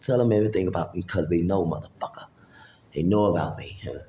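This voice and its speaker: A vlogger with a deep, warm voice talks fast as he rambles through a long, profane story to camera in street slang, voicing the people involved. The room is echoey, the sound lo-fi, with slight background noise.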